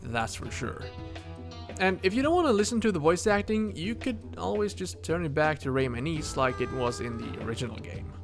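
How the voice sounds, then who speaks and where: A man's voice: fairly high pitch, sing-song, a little fast, gravelly, music in the background. Sarcastic male game reviewer. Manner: sarcastic, swears casually. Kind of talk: scripted video essay narration.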